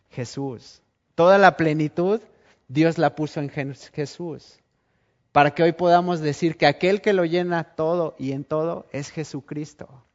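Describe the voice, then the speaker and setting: A male preacher delivers a sermon, bringing scenes to life as he tells them. His voice sits a little high. The recording is dull and lo-fi. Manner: animated storytelling, acts out scenes.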